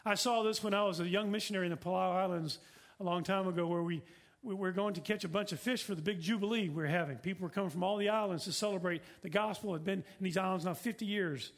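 High-voiced preaching pastor. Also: male voice, quick pace, creaky. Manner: earnest, repetitive preaching with rhetorical questions. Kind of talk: sermon.

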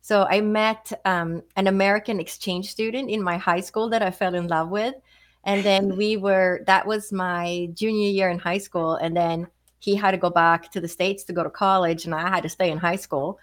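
Measured Swedish-born woman telling her story. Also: mid-range voice, fairly even intonation. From Sweden. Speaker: interview guest. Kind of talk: casual conversation.

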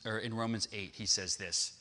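A man's voice: lowish voice, steady tone, moderate pace, sharp tone. A man preaching a sermon on prayer, emphatic and repetitive, building to fervent crescendos. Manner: emphatic, repeats phrases, rising to fervent crescendos. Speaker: pastor.

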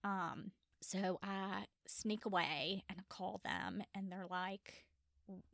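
A woman's voice: medium pitch, slow pace, gravelly, dry recording, clean studio sound. A woman, a podcast guest telling her story casually and acting out quoted dialogue. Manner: chatty, quotes others in lively retold dialogue.

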